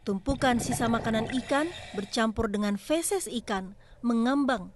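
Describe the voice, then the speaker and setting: A female news reporter giving a measured, scripted narration for an investigative report. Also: fairly high pitch, background noise.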